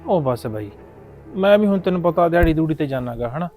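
A man's voice: a little high, lively intonation, fairly quick, warm tone, soft background music, close to an everyday voice. A man with a Punjabi accent playing a scheming young farmhand who talks politely to the family and mutters lustful plans to himself. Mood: friendly. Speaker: hired farm worker.

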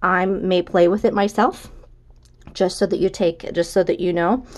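A woman's voice: mid-range voice, darkish tone. A friendly American woman talks through a quilting block step by step, chatty and enthusiastic. She speaks in a casual teaching tone, pointing things out as she goes. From United States. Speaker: quilting instructor. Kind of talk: casual how-to walkthrough.

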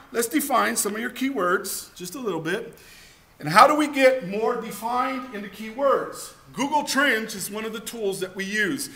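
High, bright-voiced energetic seminar speaker man. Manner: energetic, emphatic, rhetorical questions. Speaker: keynote speaker. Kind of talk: motivational seminar talk. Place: hotel meeting room with audience.

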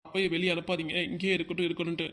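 A performer voicing a small boy in a cartoon comedy, with a southern Tamil Nadu accent, talking softly and pleading meekly. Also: medium pitch, level tone, very fast, lightly acted. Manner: soft, pleading and meek.

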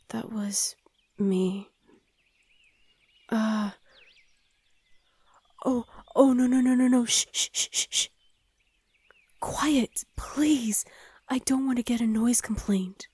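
Voicing a flustered, kindly young demon hell knight for intimate ASMR, a woman sounds hesitant and soothing, often breaking into a breathy whisper. Her fairly high voice is captured in a dry recording. She starts flustered and startled, then turns hushed and pleading.

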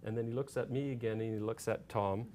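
A man's voice: lowish voice, slight background noise. A man giving a public talk as an author, telling a field anecdote with lots of fillers and restarts, from Canada. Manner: halting anecdote, many fillers, gets animated and loud retelling shouts.

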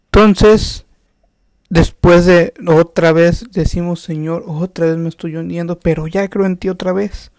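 A man preaching a sermon, slow and emphatic, with rhetorical questions and frequent restarts. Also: high voice, steady tone, a little mellow, dry recording, studio quality.

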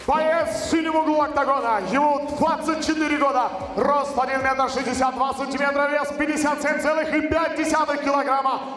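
A man giving a booming stage introduction as ring announcer, loud and projected, drawing out names. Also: little pitch movement, brisk, far from the mic. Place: large indoor arena, in the cage. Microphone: handheld microphone through PA. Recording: echoey arena PA heard from afar.

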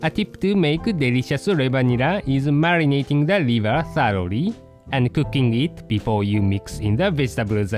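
A man voicing a poodle dog who hosts a cooking show, narrating a recipe in slow, deliberate steps. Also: mid-range voice, expressive, a little mellow, soft background music, lightly acted, rough recording. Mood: patient. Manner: slow, deliberate step-by-step instructions.

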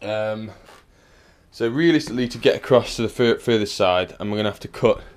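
A man's voice: lowish voice, a little fast. A man, an electrician, chatting casually and dryly as he explains his work in a house. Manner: chatty, dry, explains as he works. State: out of breath at times. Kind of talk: casual work vlog narration. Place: house being rewired, indoors.

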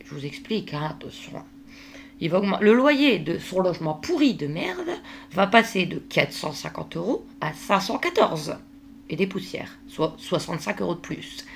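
A female vlogger talks casually in her daily vlog, sounding exasperated, worn out and at the end of her tether. Her gravelly voice sits on the low side with big pitch swings and a moderate pace, and she vents with lots of fillers over a little hiss or hum.

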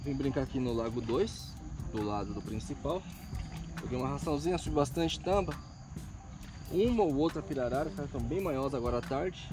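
A man in his thirties with a Brazilian Portuguese accent hosting a casual fishing vlog outdoors by a lake, giving chatty play-by-play with bursts of excitement while fighting fish. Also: medium pitch, fairly quick, over music. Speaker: fishing show host.

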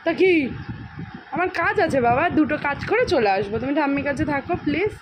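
A woman with a Bengali accent films a casual home vlog, her voice set high as she coaxes and teases her little child. She turns now and then to talk straight to her viewers. Loud household noise runs under her the whole time. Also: expressive, fast talker. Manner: coaxing, teasing, talks to child and viewers. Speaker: vlogger, mother. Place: home, indoors.

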